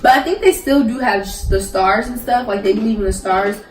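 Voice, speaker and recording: Young woman rambling on in slang, a bit high, echoey room far from the mic. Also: brisk. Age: young adult. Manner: chatty, slangy. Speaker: guest. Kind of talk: casual chat. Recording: echoey room, mic at a distance, faint music.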